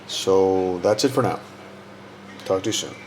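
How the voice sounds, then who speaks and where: Relaxed, low-voiced man narrating hobby progress. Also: slight background noise. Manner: relaxed, unhurried, pauses with frequent "uh". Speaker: hobby model builder. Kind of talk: casual narration of build progress.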